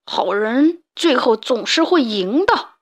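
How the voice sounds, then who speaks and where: A woman's voice: fairly high pitch, sing-song, slow pace, exaggerated voice. A woman voicing a big, strong, bossy male tiger in a children's story, with a drawling, showy way of talking. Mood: smug.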